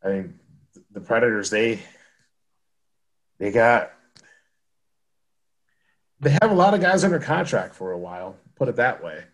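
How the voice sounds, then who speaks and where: A man's voice: medium pitch, sing-song, unhurried, long pauses. A man co-hosting a sports podcast in casual chat, rambling with frequent restarts and laughs. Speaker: podcast co-host.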